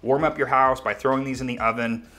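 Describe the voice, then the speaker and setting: A man's voice: mid-range voice, steady tone, fast, pushed and bright. A man hosting a home cooking video, talking casually to viewers and tasting his food as he goes, with frequent small self-corrections. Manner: chatty, eating while talking, self-correcting. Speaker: cooking channel host. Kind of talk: casual cooking vlog talk.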